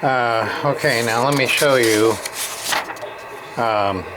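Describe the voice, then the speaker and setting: A man who repairs radios as a hobby talks through a fix in a loose, rambling way, muttering as he works. His medium-pitched voice moves slowly, and the amateur workbench recording carries clear background noise.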